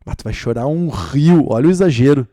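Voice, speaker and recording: A young man, teaching an exam-prep video lesson, lively and explanatory, asking rhetorical questions and stressing key words. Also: mid-range voice, a little fast.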